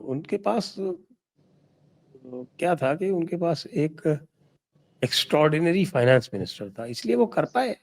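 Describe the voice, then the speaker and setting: A man's voice: on the high side, very animated, measured pace, vocal fry, pauses often. A man hosting a political discussion, steering the talk with short, wry interjections. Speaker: host.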